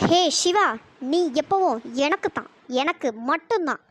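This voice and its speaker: A woman voicing a jealous, bossy young woman who taunts and bullies others, in a cartoon story with a pitch-raised voice. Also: expressive, a little slow. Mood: taunting. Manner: taunting, bullying.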